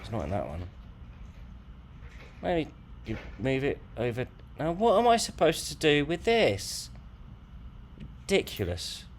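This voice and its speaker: A man's voice: on the high side, unhurried, pauses often, a little hiss or hum. Jokey man narrating a vlog. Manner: jokey, teasing, lively narration. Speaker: co-host, husband. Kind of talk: playful vlog voice-over.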